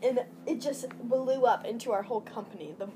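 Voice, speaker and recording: A woman's voice: on the high side, a little fast, noisy background. A young teenage girl co-hosting a casual podcast, laughing often and teasing her friend while telling stories. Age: young teen. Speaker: podcast co-host. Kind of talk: casual chat.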